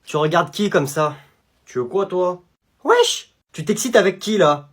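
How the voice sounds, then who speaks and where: A man's voice: sits high, lively intonation, a little slow, pitched below the performer's own voice. A man voicing an aggressive teenage schoolboy who uses street slang and threatens to beat someone up. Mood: threatening.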